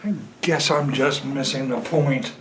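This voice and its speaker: A man's voice: mid-range voice, measured pace, fairly bright tone, a little hiss or hum, lightly acted. An older man playing a defensive banker husband who insists that he is funny. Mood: indignant. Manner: indignant, defensive. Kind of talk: film drama acting. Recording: roomy echo.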